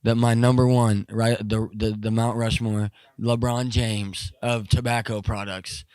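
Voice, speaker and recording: A young man as an interview guest, telling stories in a rambling, profane, animated way with lots of fillers. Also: lowish voice, a little slow, smooth, no echo. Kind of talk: casual storytelling.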